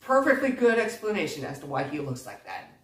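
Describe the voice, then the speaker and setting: A man voicing a guy who raises his voice to calm an angry crowd, in an echoey room, away from the mic. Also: fairly high pitch, brisk, distant mic. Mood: urgent.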